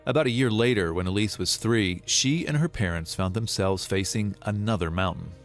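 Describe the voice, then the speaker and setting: A man's voice: lowish voice, moderate pace, soft background music. A man reading scripted documentary narration as a storyteller.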